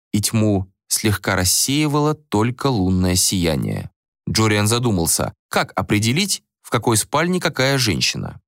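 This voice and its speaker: A man narrating a fantasy novel as an audiobook, reading in an animated, expressive way. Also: on the low side, no echo, studio quality.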